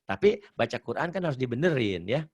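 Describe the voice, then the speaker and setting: An animated man tutors tajwid over an online call, his pitch swinging widely as he jokes and questions. He chants short verses in between and circles back over his points with good humor. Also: brisk, slightly rough. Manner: joking, animated, repeats himself, sings recited verses. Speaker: Quran recitation teacher. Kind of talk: casual online tajwid lesson.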